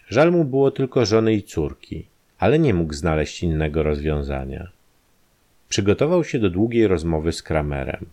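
Deep-voiced male crime-story narrator. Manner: measured storytelling with expressive rises. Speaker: podcast narrator.

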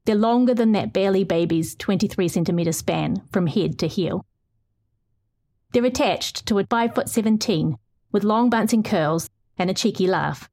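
A middle-aged woman reads a long feature aloud. Her voice sits at an ordinary middle pitch, and her reading is steady and clear. When answering questions she talks more loosely, with small restarts. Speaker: reporter.

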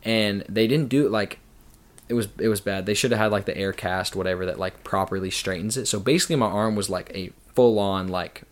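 A young man, a podcast guest, telling a story in a casual, animated way and acting out the people in it. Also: a little fast. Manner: animated storyteller, acts out quotes with big jumps in pitch.

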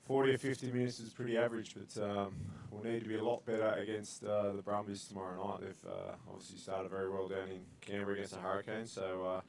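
A man's voice: fairly low pitch, fast, vocal fry, hardly any pauses, slight background noise. A man, a rugby player guest, talking in a laid-back way with lots of fillers. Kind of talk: casual sports chat.

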